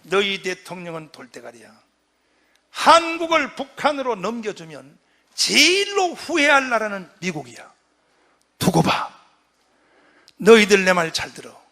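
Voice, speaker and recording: A man's voice: mid-range voice, steady tone, moderate pace, vocal fry, hardly any pauses, fairly bright tone, breathy edge, voice pushed down, heavily acted. A man preaching, acting out a stern old statesman who thunders a rebuke at foreign negotiators. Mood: scolding.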